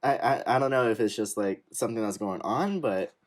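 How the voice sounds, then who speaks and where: A man's voice: fairly low pitch, brisk. A young man in his twenties co-hosting a podcast, chatting casually in a laid-back, slangy way and laughing often. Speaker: podcast co-host. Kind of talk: casual chat.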